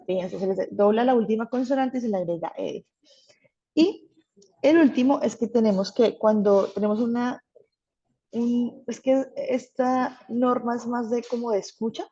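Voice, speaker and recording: A woman's voice: on the high side, dark tone, slightly rough, muffled recording. A woman teaching an English grammar class, patient and checking in often with her students. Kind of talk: online class explaining grammar.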